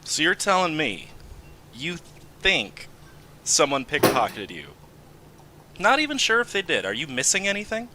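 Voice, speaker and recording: A man plays his character in a tabletop game, pressing questions with a wry edge. His voice is bright and animated, with faint noise underneath. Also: on the high side, moderate pace, pauses often. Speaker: player.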